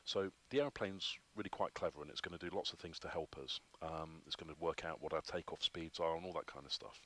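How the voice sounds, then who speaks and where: Deep-voiced flight instructor. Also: male voice, fairly even intonation, brisk, sharp tone, slight background noise. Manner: patient, explaining step by step with many ums. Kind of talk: hands-on instruction. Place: flight simulator cockpit.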